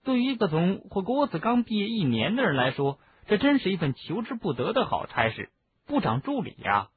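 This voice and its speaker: A chatty, indignant teenage boy wizard tells it all at length, as a man reads him aloud in an audiobook. The voice is husky and swings up and down, and it sounds narrow and lo-fi, like a phone line. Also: high-pitched, very animated, fairly quick, pitched above the performer's own voice, heavily acted. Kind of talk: audiobook reading.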